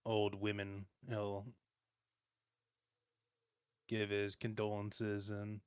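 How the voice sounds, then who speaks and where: Man player, blunt wry remarks, low smooth voice, dry sound. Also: completely flat delivery, extremely slow, a little mellow, no echo. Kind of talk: casual tabletop play.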